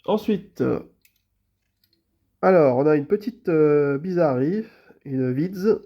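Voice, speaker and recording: Slow and with lively intonation, a man with a slightly high voice and a cold-induced blocked nose walks viewers through his toy cars in a casual vlog. The recording is muffled, and his laid-back chat is full of hesitations and repeated fillers.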